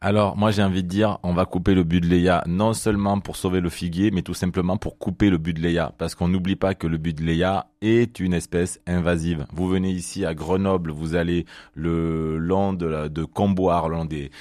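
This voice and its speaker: Very deep-voiced man with a Perpignan accent. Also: normal speed, few pauses, dry recording. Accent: Perpignan French. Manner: lively, chatty, many fillers. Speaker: gardening expert guest. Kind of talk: radio phone-in advice. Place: radio studio.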